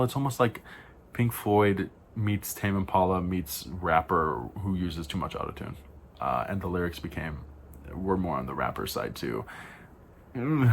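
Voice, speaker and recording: A young man with a deep, creaky voice runs casually through a series of album reviews, frank and rambling, correcting himself with sighs and asides. There is a little hiss or hum in the recording.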